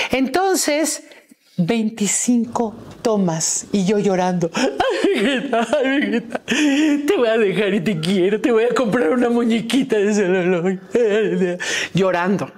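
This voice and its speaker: A middle-aged Mexican woman hosting her own show, telling anecdotes in a chatty, playful way with many restarts and fillers. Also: mid-range voice. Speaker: host. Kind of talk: casual storytelling to her viewers.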